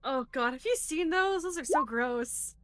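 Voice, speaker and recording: A woman's voice: high-pitched, expressive, a little slow, no room sound, soft background music. A woman player chatting wryly during a tabletop game. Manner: chatty, wry.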